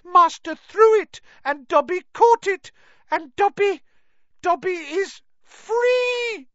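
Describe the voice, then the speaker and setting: A reader voicing a shrill, excitable male house elf who speaks of himself in the third person, in a storybook reading. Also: takes it slowly, no echo, full character voice. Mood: shrill excited. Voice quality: shrill, squeaky. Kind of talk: audiobook character voice. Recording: dry, slightly dull lo-fi.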